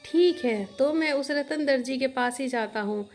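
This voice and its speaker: A woman voicing a hurried village landlord who insists on his demands. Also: high voice, darkish tone. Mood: insistent. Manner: insistent, commanding.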